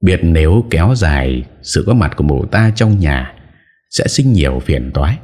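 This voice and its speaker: A man narrating an audiobook story in steady storytelling. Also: extremely low pitch, normal speed.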